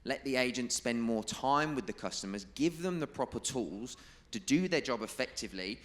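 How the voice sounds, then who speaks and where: A man giving a presentation to a live audience, emphatic and stressing key figures and quotes by repeating them slowly. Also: mid-range voice, expressive, fairly bright tone. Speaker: conference presenter. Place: conference room.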